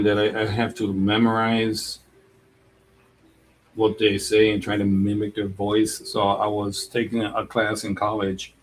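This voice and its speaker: Chatty middle-aged man, low voice. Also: slight background noise, low-quality recording. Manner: rambling, chatty, quick to laugh. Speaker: streaming host and artist. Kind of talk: casual live-stream chat.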